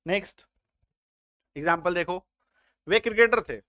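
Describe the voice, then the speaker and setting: A man teaching English grammar in Hindi, patient and repetitive, often asking if it is clear, a little unwell with a slight cough. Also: high voice, unhurried, sharp tone, no room sound. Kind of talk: Hindi-medium spoken English grammar lesson.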